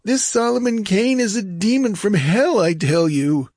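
A man's voice: high voice, expressive, unhurried, darkish tone, no room sound, clean studio sound, pitched above the performer's own voice, full character voice. A man doing a frightened superstitious bandit. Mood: fearful. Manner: gloomy, fearful.

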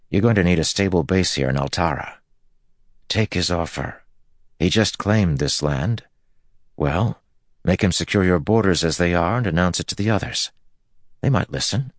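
A man's voice: low voice, no room sound, studio quality, voice pushed up. A man voicing a roguish, easygoing young man in an audiobook, casual and coaxing.

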